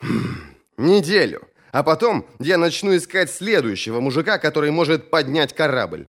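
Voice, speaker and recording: A man reading an audiobook, voicing a fierce, sharp-tongued young woman warrior who speaks bluntly and mockingly. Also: fairly high pitch, sing-song, normal speed, pitched above the performer's own voice. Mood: teasing. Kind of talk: audiobook character voice.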